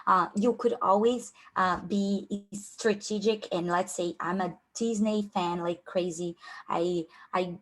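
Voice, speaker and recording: A young woman with a strong Brazilian Portuguese accent runs a casual online workshop on job interviews as a career coach. Her voice sits fairly low, and she speaks slowly and steadily, with lots of fillers and restarts.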